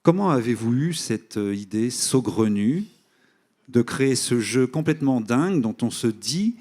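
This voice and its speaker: A man with a medium-pitched voice moderates a literary talk. He presents and asks in long, hesitant sentences, often pausing to find the next phrase. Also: lively intonation, a little mellow. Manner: hesitant, drawn-out phrasing with many pauses. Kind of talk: book presentation and interview questions.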